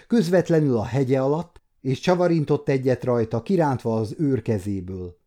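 A man in his fifties from Hungary reads a historical novel aloud with a measured, even delivery. His voice is dark and mellow and sits at a middle pitch. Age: 50s. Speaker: audiobook narrator. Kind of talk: scripted narration.

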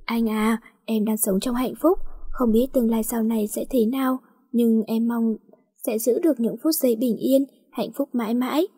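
Audio-story wife: young, pouting, playful, husky, mellow, voiced by the female narrator. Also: on the high side, steady tone, normal speed, no room sound, studio quality. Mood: wistful. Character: young wife, teasing and sulky.

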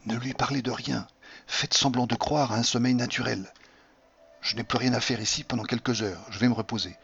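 A man reading the part of an earnest doctor who explains things patiently and convincingly, in a husky voice. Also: fairly high pitch, big pitch swings, normal speed, lo-fi sound, heavily acted. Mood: hushed.

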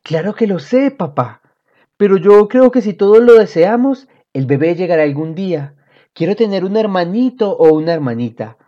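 Woman, children's book read-aloud, expressive, warm mellow tone, dull recording. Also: fairly low pitch, moderate pace. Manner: expressive, storytelling, lively. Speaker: reader. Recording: dull lo-fi audio.

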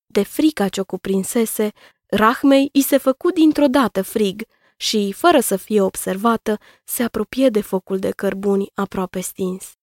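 Woman reading a kids story aloud, calm and steady, mid pitch, dry close mic. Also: no echo. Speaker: narrator. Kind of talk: scripted narration of a children's story.

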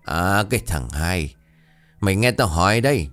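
A man's voice: deep voice, expressive, moderate pace, fairly bright tone, faint music behind. A man voicing a cruel, scornful landlord. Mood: accusing. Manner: harsh, scornful, threatening. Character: cruel, arrogant rich male landlord villain.

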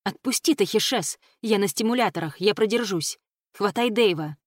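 A woman's voice: medium pitch, animated, normal speed, no echo, studio quality, lightly acted. A woman reading an audiobook voices a bold young female mercenary leader, terse and commanding. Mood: urgent.

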